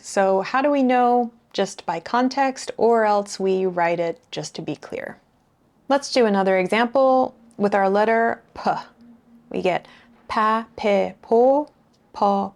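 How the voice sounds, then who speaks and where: A woman leads a beginner language lesson at an unhurried, slow pace. She sounds out each syllable and word one at a time, patiently and clearly. Now and then she thinks aloud, with small fillers between phrases. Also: medium pitch, a little mellow. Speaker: language teacher.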